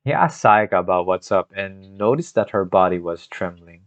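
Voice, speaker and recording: A man with a low, animated voice recounts a video game's story from a script, telling it like a storyteller at normal speed. His home microphone gives a dry, dull, lo-fi sound, scuffed in places.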